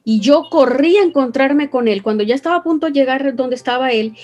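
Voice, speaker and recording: A woman's voice: high voice, fairly quick, darkish tone. A Venezuelan woman with a Venezuelan accent, earnestly telling an emotional personal story as an interview guest. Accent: Venezuelan Spanish. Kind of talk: personal testimony.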